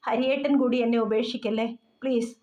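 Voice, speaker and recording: A woman voicing a heartbroken, lonely young woman who pleads softly, in a roomy, dull recording. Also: on the high side, fairly even intonation, brisk, natural voice. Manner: soft, pleading.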